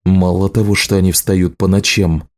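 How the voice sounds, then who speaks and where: A man's voice: low-pitched, normal speed, lightly acted. A man reading an audiobook, voicing a grim hooded male demon-fighter who speaks curtly and without feeling. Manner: curt, flat, unmoved.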